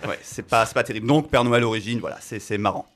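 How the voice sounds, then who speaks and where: A man's voice: lowish voice, fast talker, fairly bright tone. A man giving a casual film chronicle on a radio show, chatty and self-mocking, with many fillers and restarts. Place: radio studio.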